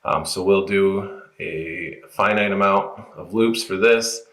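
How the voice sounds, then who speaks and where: A deep-voiced man gives a casual, step-by-step walkthrough of an app as a product tutorial presenter. He speaks slowly with a slightly bright tone, and the recording sounds roomy. His explanation is informal and unscripted, worked out as he goes.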